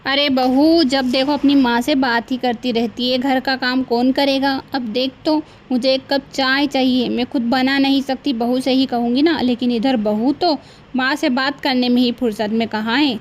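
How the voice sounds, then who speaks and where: A woman's voice: high voice, steady tone, moderate pace, a little hiss or hum, close to an everyday voice. A woman doing a nagging bossy mother-in-law. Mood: scolding. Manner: scolding, loud and nagging. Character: bossy middle-aged mother-in-law, scolding and demanding.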